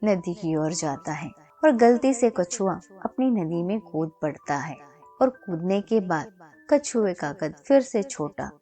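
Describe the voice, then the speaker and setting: A woman storyteller giving scripted narration of a children's moral story in a steady, even-toned reading. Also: lowish voice.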